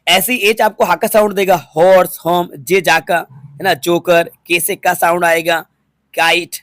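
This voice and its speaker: A man's voice: high-pitched, flat delivery, unhurried, fairly bright tone, no echo, clean studio sound. A man teaching a phonics lesson to students, patiently spelling words out letter by letter and repeating each one. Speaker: English teacher.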